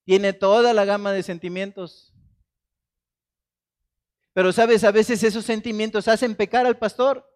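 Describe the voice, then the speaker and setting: A man from Mexico, a pastor preaching a sermon in church, swinging between loud emphasis and soft, hushed quotations. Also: sits high, fairly even intonation, a little slow, pauses often. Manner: dramatic, shifts between loud emphasis and soft quoted asides.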